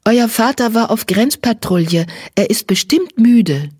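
A reader voicing a caring, cautious mother she-cat who speaks gently. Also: medium pitch, expressive, unhurried, breathy edge, dry recording, studio quality, voice pushed up. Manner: gentle and worried.

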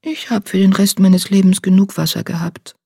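A reader voicing a withdrawn young male apprentice cat who mutters softly. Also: mid-range voice, little pitch movement, normal speed, creaky, husky, no room sound, studio quality. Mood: curt. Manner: soft, muttering.

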